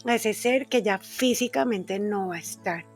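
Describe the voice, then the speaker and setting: A woman in her fifties from Colombia with a Colombian accent, a podcast guest telling her story gently and reflectively. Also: medium pitch, normal speed, faint music behind. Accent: Colombian Spanish. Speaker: guest, intuitive communicator.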